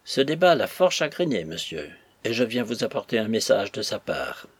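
A man voicing a loyal young army captain in an audiobook, speaking calmly and politely with a husky voice. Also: lowish voice, normal speed, heavily acted. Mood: earnest. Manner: calm, polite, persuasive. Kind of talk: audiobook character voice.

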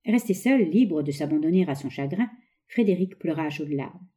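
Female novel narrator, measured and expressive, deep mellow timbre.

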